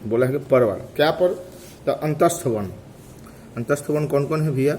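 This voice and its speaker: A man teaching a grammar lesson, asking questions and answering them himself, repeating each term slowly to drill it. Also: a little high, a little mellow, a little hiss or hum. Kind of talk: classroom lecture.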